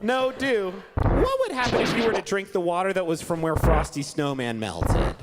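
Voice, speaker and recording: A man's voice: high voice, very animated, normal speed, very noisy. A man co-hosting a comedy podcast, playful and joking in casual chat. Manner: playful, does silly voices and mock-announcer lines. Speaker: podcast co-host. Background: game music under the podcast.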